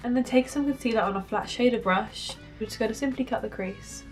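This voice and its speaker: A woman's voice: on the high side, brisk, soft background music. A young woman with a blocked, nasal voice from a cold, chatting casually through a makeup tutorial with frequent ums. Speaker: beauty vlogger.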